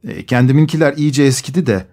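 A man voicing a pushy young coachman who wheedles and hesitates with a drawn-out "e" sound. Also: medium pitch, warm tone, faint music behind, voice pushed up, lightly acted. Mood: wheedling. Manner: nudging, starts lines with hesitant "e".

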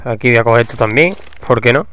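Excitable young gamer, swearing. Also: male voice, mid-range voice, fast talker. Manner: excitable, swearing, bursts into shouts. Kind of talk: casual gameplay commentary. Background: game music.

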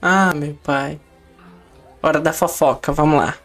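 A man's voice: fairly high pitch, fairly even intonation, a little slow, fairly bright tone. A man hosting a casual reaction video, talking in a dramatic, exclamatory and gossipy way. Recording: faint show music behind.

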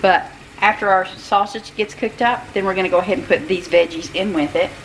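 A woman's voice: mid-range voice, a little fast. An older woman, chatting homily as she walks through a recipe in her home kitchen. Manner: homey, chatty, with soft laughs and fillers. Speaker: home cooking channel host. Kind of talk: casual cooking demonstration. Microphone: camera mic across the kitchen. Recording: distant camera mic with background noise.

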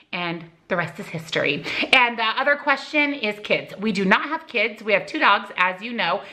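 An American woman in her forties, a YouTuber and real estate agent, chats casually in her home kitchen while doing her makeup and answering viewer questions. Her voice is high, bright and forceful, and she's friendly and talkative. A camera on a tripod sits close in front of her.

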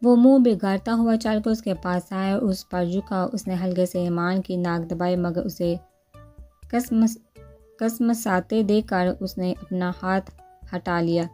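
A woman narrating a romance novel aloud in a steady, descriptive manner. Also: mid-range voice, a little slow. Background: faint background music.

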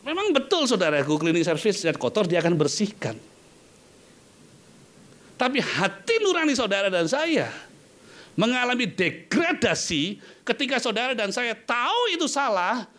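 A man preaching a sermon in church, lively and conversational, often calling out to his listeners with playful asides. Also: high-pitched. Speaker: pastor.

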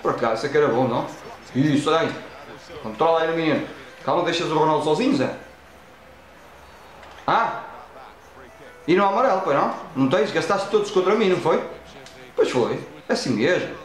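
A man with a European Portuguese accent, playing a football video game and reacting loudly to each play as he talks at it. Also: fairly high pitch, a little fast, long pauses, reverberant, poor audio. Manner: excitable, talks at the game and the referee, frequent exclamations. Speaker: gaming channel host.

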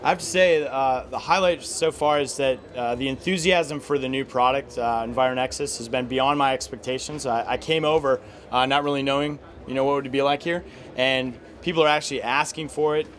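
A man in his thirties from the United States, a guest at a trade show interview, talking in a measured, upbeat way with many fillers, recorded at an indoor expo stand on a handheld mic. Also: mid-range voice, a bit bright. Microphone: handheld mic held by interviewer.

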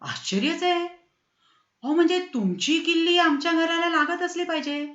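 A man's voice: extremely high pitch, moderate pace, fairly bright tone, roomy sound, muffled recording, voice pushed up. A woman voicing the storyteller's exasperated, anxious male character in a storybook reading. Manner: agitated, questioning. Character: anxious, exasperated man of the house.

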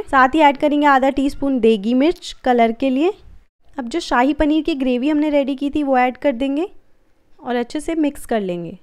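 Calm and friendly, a cooking channel host narrates recipe instructions one step at a time in a voice-over. Her voice sits high.

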